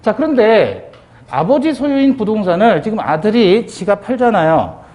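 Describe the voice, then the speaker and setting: A man's voice: sits high, big pitch swings, normal speed, darkish tone. A middle-aged man lecturing on civil law for exam preparation, asking the class rhetorical questions and acting out little dialogues in quoted voices.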